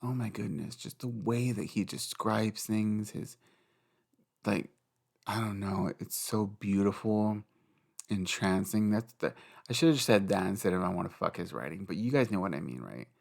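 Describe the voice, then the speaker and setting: A man's voice: on the low side, moderate pace, gravelly, darkish tone. A young man hosting a casual solo podcast, rambling and giggly, swearing freely. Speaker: podcast host.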